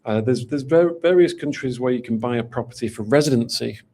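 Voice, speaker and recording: A golden visa specialist from England answers interview questions in a chatty way, with a Mancunian accent and plenty of fillers and restarts. His voice is medium-pitched and dark-toned, and he talks a little fast.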